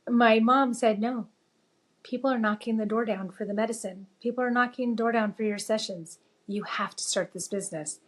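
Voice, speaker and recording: A middle-aged woman from the United States telling her life story as an interview guest, lively and animated, acting out the voices she quotes. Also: a little high. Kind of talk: personal storytelling.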